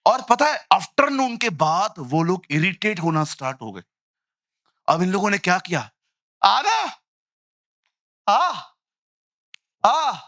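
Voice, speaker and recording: A man preaching a lively sermon in Hindi mixed with English phrases, telling stories and acting out the voices in them. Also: high-pitched, normal speed, no echo, clean studio sound. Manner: animated storytelling, acts out quoted voices, jokey asides.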